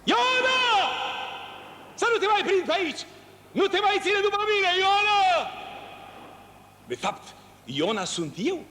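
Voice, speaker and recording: A man's voice: high-pitched, big pitch swings, long pauses, a bit bright. An actor playing a lonely fisherman who talks to himself, musing aloud and breaking into long calls. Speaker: actor in a one-man stage play. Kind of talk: theatrical monologue. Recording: noisy ambient background.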